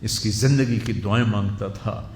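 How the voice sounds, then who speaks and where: A man's voice: fairly low pitch, fairly even intonation, darkish tone. Tearful, impassioned man preaching in an echoey room. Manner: impassioned, rhetorical, speaks in a father's voice. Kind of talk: emotional sermon. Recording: echoey room, faint ambient noise.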